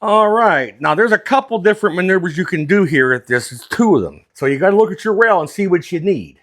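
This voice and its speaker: A man with a fairly high-pitched voice gives casual, hands-on instruction as a craps dealing teacher. He is plain-spoken and walks through each move step by step. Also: animated, fairly quick, a bit bright.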